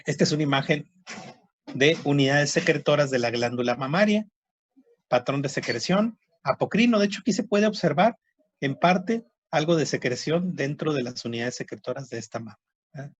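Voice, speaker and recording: A man's voice: mid-range voice, breathy edge. A man teaching a histology class online, explaining slides and repeating key terms while checking that students follow.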